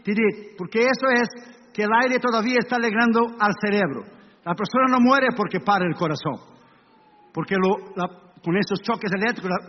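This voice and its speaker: A male pastor preaching a dramatic sermon, telling the story emphatically and imitating sounds aloud. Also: high voice. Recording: echoey hall, dull lo-fi sound, faint hiss.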